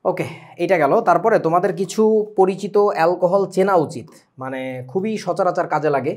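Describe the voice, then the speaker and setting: A young man with a Bangladeshi Bengali accent leads an online chemistry lesson at a rapid clip. His voice sits a little high, and he keeps tossing questions to his students and slipping English words into his explanations. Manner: lively, asks students questions often, mixes English words. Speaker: chemistry teacher. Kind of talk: online class lecture.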